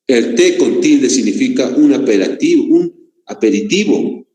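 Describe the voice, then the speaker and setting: A man's voice: medium pitch, lively intonation, a little slow, warm tone. A male teacher giving a class lecture, often asking his students rhetorical questions, with a Bolivian Spanish accent. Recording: echoey room, long reverb.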